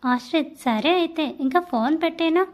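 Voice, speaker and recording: A woman's voice: high-pitched, normal speed, natural voice. A woman voicing a playful, affectionate young man who banters with friends and family.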